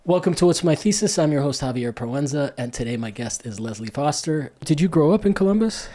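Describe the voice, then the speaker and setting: A man hosting an interview podcast, chatty and quick to laugh, with lots of fillers. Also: a little high, animated, mellow. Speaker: podcast host. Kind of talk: casual interview.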